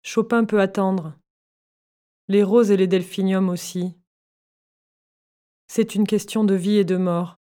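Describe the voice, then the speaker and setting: A woman voicing a sharp-tongued older grandmother in an audiobook, speaking bluntly and with scorn. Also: mid-range voice, steady tone, slow, long pauses, lightly acted. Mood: scornful. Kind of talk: audiobook character narration.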